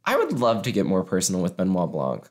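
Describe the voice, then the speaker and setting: A woman's voice: rumbling low, wildly swooping pitch, quick pace, darkish tone. A woman co-hosting a podcast, chatting casually, laughing often and trailing off with fillers. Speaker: podcast co-host. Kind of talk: casual chat.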